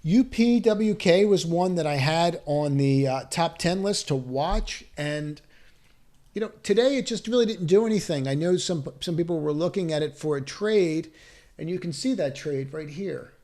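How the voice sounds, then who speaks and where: A man analyzing stocks leads viewers through charts on a screen share in a fairly high, expressive voice with a darkish tone and moderate pace. He ponders aloud, gives cautious guidance, restarts and asks rhetorical questions.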